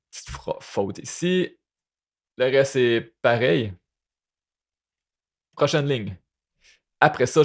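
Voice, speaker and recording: A man with a Québécois French accent teaching a lesson, breaking down rap lyrics line by line and repeating words to show pronunciation. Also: mid-range voice. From Quebec.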